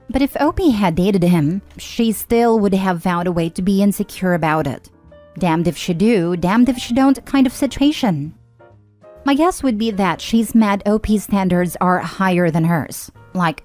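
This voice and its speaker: A woman narrating online forum stories and adding her own comments, reading expressively with frequent lifts in pitch. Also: a little mellow. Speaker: story narrator.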